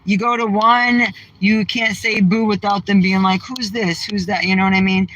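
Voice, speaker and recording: Hosting a casual livestream from her car, a woman from Massachusetts reads viewers' comments and bluntly fires back in a brash, outspoken, trash-talking way. Her medium-pitched voice is fairly even in intonation, moderately paced, and fairly bright, heard through a low-quality recording.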